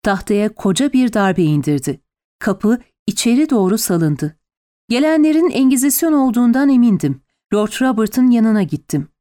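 A woman reading a historical novel aloud in the first person, dramatic and expressive. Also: fairly high pitch, moderate pace. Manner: expressive, lively storytelling. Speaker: audiobook narrator.

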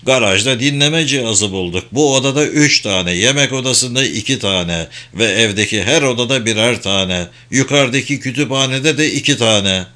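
A man voicing a gruff, short-tempered male intelligence chief in a blustering way while reading a novel. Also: mid-range voice, moderate pace, hardly any pauses, sharp tone, close to an everyday voice.

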